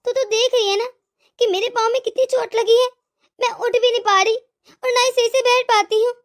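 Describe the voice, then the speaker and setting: A woman's voice: very high voice, steady tone, brisk. A woman voicing an injured, self-pitying old mother-in-law in a cartoon, tearful and remorseful. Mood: pleading. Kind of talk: cartoon voice acting.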